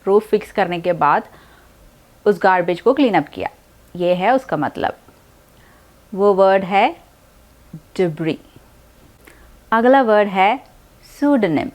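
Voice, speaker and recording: A young woman with an Indian accent teaching English pronunciation, explaining calmly and repeating each word slowly for practice. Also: medium pitch. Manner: spells out words slowly and repeats them for practice. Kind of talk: slow explanatory lesson.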